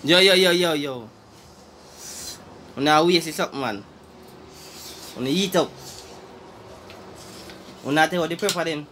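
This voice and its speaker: A young man comments casually on an eating contest. He exclaims excitedly and repeats his phrases. It is a phone recording in a home, with some light noise. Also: fairly high pitch, unhurried, pauses often. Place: small room at home, phone camera. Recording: slightly noisy phone recording in a room.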